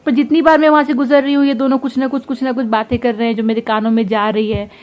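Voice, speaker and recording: Brief: young woman, home vlogger, fast animated storytelling, tired and unwell, slightly high voice. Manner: fast, animated recounting with quoted dialogue. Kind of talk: casual vlog storytelling.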